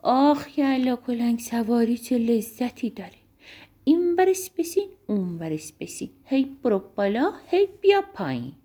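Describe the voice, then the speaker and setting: A woman doing an excitable shrill squirrel. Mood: excited.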